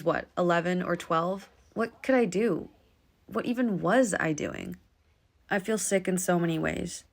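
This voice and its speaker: A woman with a slightly low voice reads from her own diary, one dated entry after another. Her delivery is quiet, subdued and confessional, and it stays close and intimate throughout. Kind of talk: reading personal journal entries aloud.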